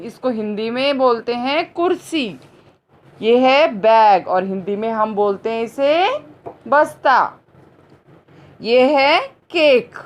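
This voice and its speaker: A woman teacher giving a grammar lesson to young children, slowly repeating each word and answering her own questions. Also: fairly high pitch. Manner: drawn-out words, slow and patient. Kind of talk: slow, clearly spoken grammar lesson for children.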